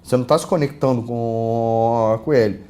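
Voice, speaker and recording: A man with a Brazilian accent giving an online course lecture on a lapel mic, casual and full of fillers and repeated words, swinging between loud and soft. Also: mid-range voice, normal speed. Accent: Brazilian Portuguese. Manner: casual, many fillers and repeated words, lively shifts in loudness. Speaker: course instructor.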